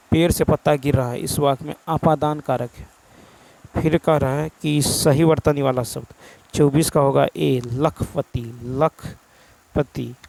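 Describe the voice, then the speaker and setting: Brisk Indian man with a gravelly voice. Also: a little high, a little mellow, low-quality recording. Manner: brisk, explains each answer then lists examples. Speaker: teacher. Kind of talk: exam-prep lesson, reading answers aloud.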